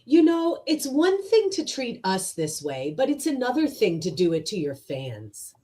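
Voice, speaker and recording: A woman's voice: a little high, wildly swooping pitch, a little slow, mellow. A woman playing a fed-up actress in a radio theatre piece, speaking reproachfully.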